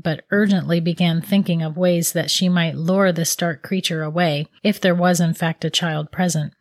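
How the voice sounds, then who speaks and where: A woman calmly narrating a scripted fairy tale. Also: on the low side, dry recording, clean studio sound. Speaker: storyteller.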